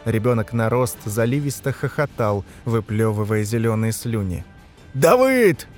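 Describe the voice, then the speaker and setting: A man reading a dark fantasy novel aloud as narrator, shouting the characters' lines in the battle scenes. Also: medium pitch, normal speed, faint music behind. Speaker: audiobook narrator. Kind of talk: scripted narration.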